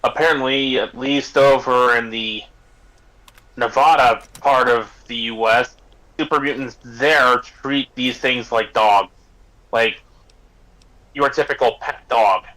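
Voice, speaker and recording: A man's voice: medium pitch, fairly even intonation, slow, sharp tone, rough recording. A man streaming a game and giving casual, chatty commentary. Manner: chatty, conversational.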